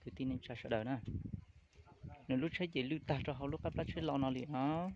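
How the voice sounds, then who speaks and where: A man's voice: medium pitch, steady tone, fast talker, a little mellow. A man talking casually and loosely, rambling from one point to the next. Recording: muffled recording with crowd noise. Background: crowd chatter.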